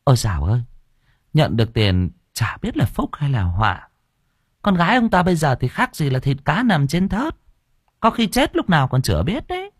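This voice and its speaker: Man putting on a shrill nosy villager, mocking and gossipy, pitched way up. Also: wildly swooping pitch, moderate pace, breathy edge, no echo, studio quality, heavily acted.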